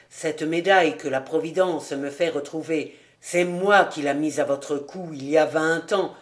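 A woman voicing a rough old charcoal burner, a remorseful father, speaking low and slowly as if to himself. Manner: low, slow, murmured as if to himself. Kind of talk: audiobook character reading.

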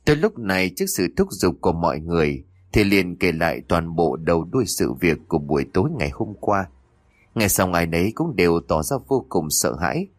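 A man narrating a ghost story in a steady, suspenseful storytelling voice. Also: low-pitched, a little fast, no echo.

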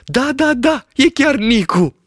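A man voicing an awestruck, superstitious village shepherd in an audiobook reading, with a high, exclaiming voice. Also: expressive, no echo, clean studio sound. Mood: amazed.

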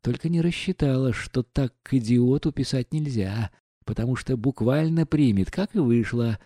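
A man's voice: mid-range voice, dark tone, no echo, clean studio sound, close to an everyday voice. A man doing a fiery, scolding noblewoman. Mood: agitated scolding. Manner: scolding, quick to anger. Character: imperious hot-tempered older noblewoman.

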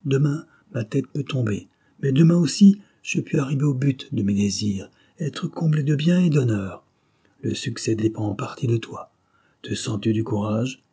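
A man's voice: mid-range voice, animated, moderate pace, mellow, husky. A man voicing a calculating male seducer from a novel, speaking in an intense, commanding way.

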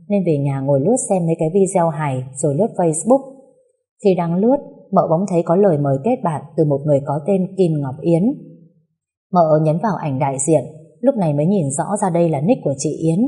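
A woman narrating a family drama story in a steady voice. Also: deep voice, fairly quick, husky.

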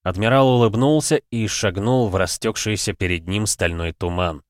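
A man narrating an audiobook in a steady, dramatic storytelling manner. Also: on the low side, normal speed, no room sound, clean studio sound.

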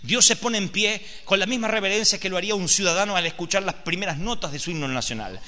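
A man's voice: high voice, quick pace, bright, forceful tone. A man preaching a sermon as dramatic storytelling, theatrical and emphatic, speaking straight to his audience. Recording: echoey hall.

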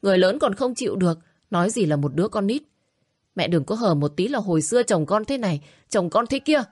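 A woman's voice: fairly low pitch, a little slow, darkish tone, no echo, clean studio sound, natural voice. A woman voicing a young mother who scolds sharply, protective of her baby. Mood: angry. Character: young mother, angry and protective daughter-in-law.

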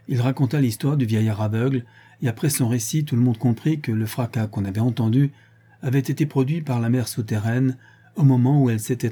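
Dark, husky-voiced male audiobook narrator. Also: mid-range voice. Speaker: audiobook reader. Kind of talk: scripted narration.

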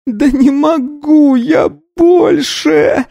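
A woman's voice: measured pace, mellow, dry recording. Woman voicing a young woman in painful labor. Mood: strained, desperate. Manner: strained, pleading, high-pitched. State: in pain. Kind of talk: audiobook reading.

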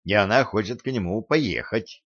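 A man reading a smooth-talking young man who lies to win women over, eager and persuasive, in a storybook narration. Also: on the low side, moderate pace, fairly bright tone, dry recording, highs cut off.

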